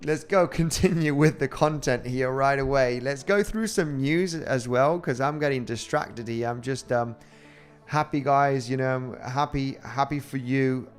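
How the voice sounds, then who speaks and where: A Spanish man who hosts a crypto trading livestream chats casually and reads out viewer comments, rambling along with lots of fillers and laughter. He has a Spanish accent and a medium-pitched, clear, resonant voice at an unhurried pace. Soft music plays in the background.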